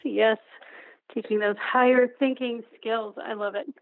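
A woman's voice: fairly high pitch, fairly even intonation, a little slow, dry recording. A woman calling in over the phone as a parent, talking easily about cooking with her kids and giving short, friendly replies. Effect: heard over the phone. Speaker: caller, a parent teaching her kids to cook. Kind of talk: casual call-in chat. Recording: tinny dry phone line.

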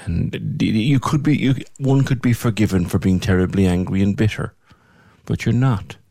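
A man's voice: fairly low pitch, moderate pace, creaky, warm tone, no echo, studio quality. A man asking questions as an interviewer, in a sympathetic, understated conversational way.

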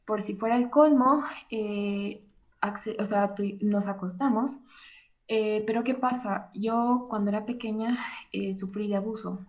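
A young Mexican woman confiding in an advice host, stopping and restarting as she searches for words. Her voice sits at an ordinary middle pitch. The recording sounds a little dull and lo-fi. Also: steady tone, measured pace. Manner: hesitant, many fillers and restarts. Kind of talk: personal confession to an advice host.

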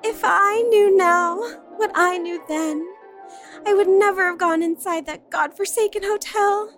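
A woman's voice: very high-pitched, unhurried, a bit bright, soft background music. A woman voicing a melodramatic young heroine who narrates with overwrought, brooding flair. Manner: dramatic, overwrought, brooding monologue. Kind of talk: audio drama acting.

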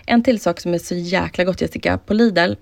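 A woman co-hosting a podcast in casual chat, chatty and excitable, swearing casually as she talks. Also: lowish voice, creaky, dry recording, studio quality. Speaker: podcast co-host.

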